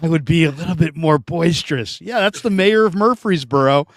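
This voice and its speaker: A man hosting a casual sports talk show, animated and jumping up in pitch for emphasis. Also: brisk, no room sound, studio quality.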